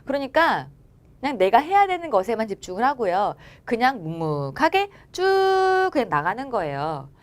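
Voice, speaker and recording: A woman's voice: fairly high pitch, sing-song, normal speed. A young woman teaching at a cram school, giving a motivational talk to exam students and coaxing them along with frequent check-ins. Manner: coaxing, often asks "알겠죠?" and acts out students' and teachers' lines. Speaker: academy teacher.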